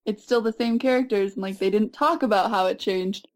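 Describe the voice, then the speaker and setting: A woman's voice: medium pitch, fairly quick. A woman plays along in a casual movie quiz, talking in chatty bursts stuffed with "like." She argues for her points with eager energy. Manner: chatty, says like a lot. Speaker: quiz contestant. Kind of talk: casual podcast game chat.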